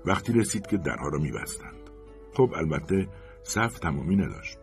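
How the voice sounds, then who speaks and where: A man narrating a short story as an audiobook, with expressive storytelling. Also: extremely low pitch, faint music behind.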